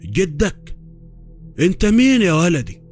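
Man doing a frail old grandfather, 70s, Upper Egyptian accent, thin trembling high voice, pleading, horror audio story. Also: animated, normal speed, soft background music. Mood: weak, puzzled. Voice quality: weak, tremulous. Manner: emotional, pleading.

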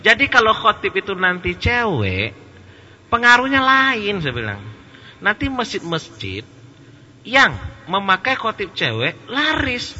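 A man preaching at a religious study session, speaking casually, joking at times and growing loud and animated. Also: sits high, unhurried, a little hiss or hum. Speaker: Islamic preacher. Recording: dull, with a long echo in a hall.

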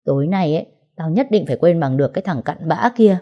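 A woman voicing a brash, heartbroken young woman who speaks loudly and bluntly in speech, as an audiobook character. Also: low-pitched, lively intonation, fast talker, highs cut off. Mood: emotional. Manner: loud, blunt, emotional.

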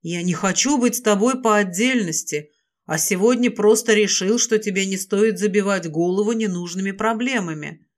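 A woman voicing a possessive, domineering male serpent lord in an audiobook, speaking low and commanding. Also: normal speed, natural voice. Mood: apologetic.

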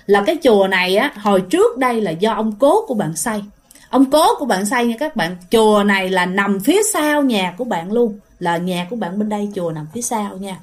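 A woman's voice: medium pitch, expressive, a little fast. A woman with a Southern Vietnamese accent telling a ghost story in a chatty, casual way, often speaking to her listeners directly.

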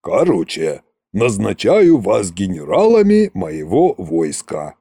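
A man's voice: fairly low pitch, wildly swooping pitch, takes it slowly, warm tone, slightly rough, no echo, clean studio sound, pitched below the performer's own voice, heavily acted. A man voicing a boastful, pompous immortal sorcerer king in an audiobook, grand and mocking. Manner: grand, self-satisfied, mocking. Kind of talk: audiobook character reading.

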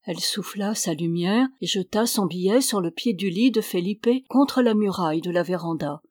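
A woman reading a novel aloud as an audiobook in a measured, even storytelling manner. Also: fairly low pitch, no echo, studio quality. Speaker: audiobook reader.

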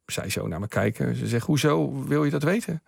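A man's voice: mid-range voice, fairly quick, gravelly, breathy edge, no room sound, studio quality. A man on a radio show, telling his own story with chuckles and acting out the voices of the people in it. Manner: lively, chuckling storyteller who acts out quoted voices. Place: radio studio.

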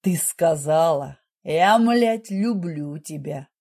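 A woman reading an audiobook puts on a devoted, intense husband whose voice drops into a husky low murmur. He speaks insistently but tenderly, in a slow, unhurried delivery. The tone is dark and breathy. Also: lively intonation, heavily acted. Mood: hoarse whisper. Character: passionate adult man, devoted husband, intense.

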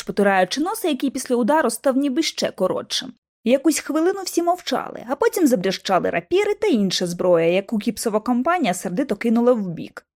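A woman reading an audiobook narration in an expressive, dramatic manner. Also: on the high side. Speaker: audiobook reader.

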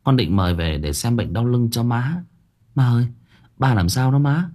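A man voicing an eager, anxious young woman who talks in quick, flustered bursts. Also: mid-range voice, lively intonation, mellow, natural voice.

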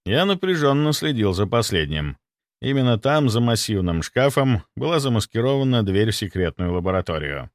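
A man's voice: on the low side, very animated, moderate pace, dry recording, clean studio sound. A man narrating a first-person audiobook in a tense, wry storytelling manner.

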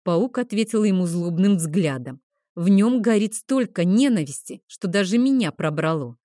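Woman, audiobook narrator, first-person fantasy, expressive, warm tone, dry studio sound. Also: mid-range voice, normal speed, no room sound.

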